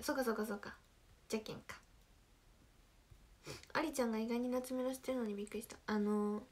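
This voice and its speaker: High-voiced chatty woman with a Hiroshima dialect. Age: young adult. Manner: chatty, reacting to comments, humming song snippets. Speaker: idol livestream host. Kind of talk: casual livestream chat with viewers.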